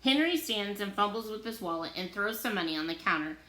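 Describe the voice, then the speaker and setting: A woman, a teacher, reading a novel aloud in an expressive storybook manner, in a roomy-sounding recording. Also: medium pitch, fairly quick. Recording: roomy echo.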